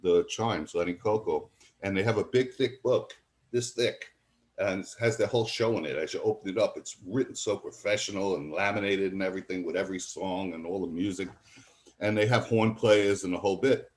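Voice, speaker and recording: An older man from College Point, New York speaks in a deep voice at a fairly quick clip. He's a guest musician in a casual interview, telling rambling anecdotes and acting out what other people said.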